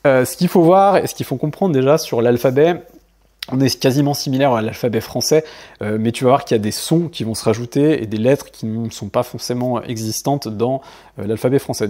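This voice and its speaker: A man giving an online language lesson, hesitating often and repeating example words slowly and carefully. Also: mid-range voice, a little mellow. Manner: hesitant, many fillers, slow careful word repetitions. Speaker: Spanish teacher.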